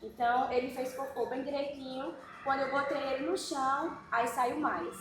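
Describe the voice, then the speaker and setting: A mother shares a chatty, anecdotal story about her little boy. Her voice is high, heard in a roomy space with clear background noise. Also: normal speed. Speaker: parent sharing experience. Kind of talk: casual storytelling.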